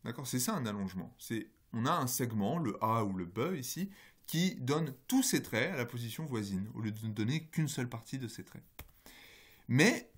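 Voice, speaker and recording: A man's voice: mid-range voice, lively intonation, moderate pace, husky. A man with a French accent lectures on a university course. He explains patiently, one step at a time, and often turns to his students with direct questions.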